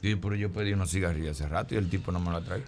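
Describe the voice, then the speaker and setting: A middle-aged man, a radio co-host telling an animated anecdote in casual chat and acting out the voices in it. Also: deep voice, racing. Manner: animated, acts out quoted lines, laughs while telling.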